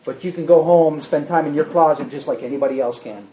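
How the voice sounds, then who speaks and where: Speaking fast in a slightly high voice, a man leads a Bible class conversationally, animatedly performing quotes and asking the room questions. It's a roomy, dull lo-fi room recording with a little hiss or hum.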